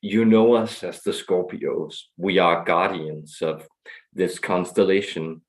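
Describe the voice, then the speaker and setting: A man channels an otherworldly alien guardian in a low voice. The delivery is slow, measured and formal, like an ominous, grandiose proclamation from a collective of star beings. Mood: solemn, grandiose.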